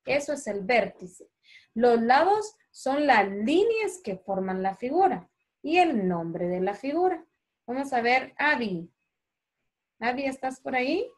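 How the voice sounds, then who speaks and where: Woman primary teacher, Honduran Spanish accent, slightly high, unhurried, patient, online class. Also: sing-song. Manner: patient, slow and clear, calls children by name. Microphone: video call.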